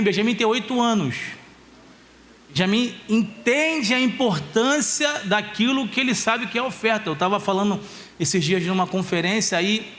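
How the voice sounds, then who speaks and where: A male pastor preaches at a church conference, his voice sitting noticeably high for a man. He moves between fervent exhortation and homely stories about his family, slowing down to lean hard on the words that matter. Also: fairly bright tone. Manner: impassioned preaching, slowing to stress key phrases; storytelling with family anecdotes. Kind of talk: sermon.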